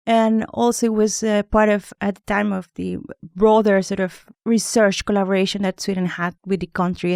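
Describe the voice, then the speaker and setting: Gravelly-voiced woman. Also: mid-range voice, darkish tone, dry recording, clean studio sound. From Honduras. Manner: careful, explanatory, with small restarts. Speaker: guest expert, microbiologist. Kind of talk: podcast interview.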